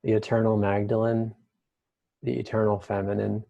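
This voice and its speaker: A man leading a guided meditation with the slow, hushed delivery of a mystical healer. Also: lowish voice, little pitch movement, creaky, lo-fi sound.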